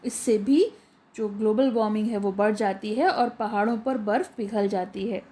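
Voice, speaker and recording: A woman's voice: medium pitch, moderate pace, warm tone. Woman teacher reading out textbook answers. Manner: lists points, then restates each in simpler words.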